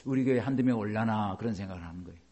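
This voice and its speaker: A middle-aged man preaching a sermon as a pastor, animated, with many rhetorical questions. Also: fairly low pitch, rapid-fire.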